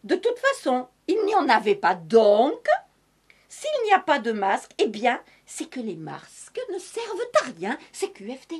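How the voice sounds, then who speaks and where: A woman's voice: high voice, wildly swooping pitch, a little slow, husky, exaggerated voice. A woman voicing a chatty talking face mask with a put-on southern French accent, theatrical and mock-official. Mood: mock-serious. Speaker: guest in sketch. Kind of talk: comedic sketch.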